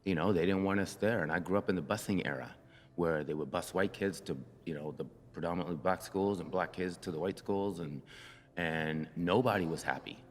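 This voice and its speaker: A man in his sixties telling his own life story slowly and reflectively, with many pauses and fillers. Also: low voice, slight background noise. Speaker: church member sharing his story. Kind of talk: personal storytelling in a conversation. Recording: reverberant room.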